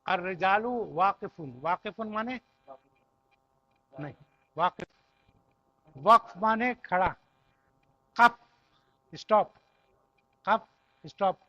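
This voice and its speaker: A man's voice: high voice, dry recording. A man teaching an Arabic class in a classroom, patiently repeating each phrase and explaining it word by word. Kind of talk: classroom language lesson. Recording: dull lo-fi recording.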